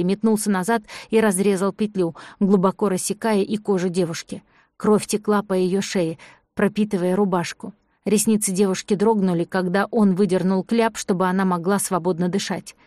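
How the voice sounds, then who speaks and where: Audiobook narrator, woman, warm low timbre, steady delivery, dry studio. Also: no room sound. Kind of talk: scripted narration.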